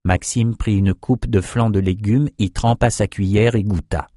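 A man narrates a fantasy novel in a measured, even way with a lowish voice. The recording is dry and close, with no room sound. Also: no echo. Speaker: audiobook narrator. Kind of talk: scripted narration.

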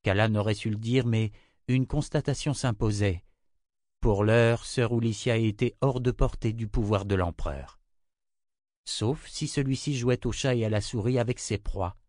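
A man narrating an audiobook in a steady, even reading voice. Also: fairly low pitch, moderate pace, dry recording, studio quality.

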